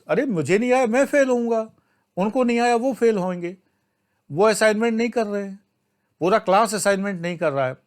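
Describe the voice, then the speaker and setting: Lecturing an online civil services exam class, an older Indian teacher is emphatic and scolding. His delivery lurches from loud outbursts to quiet asides.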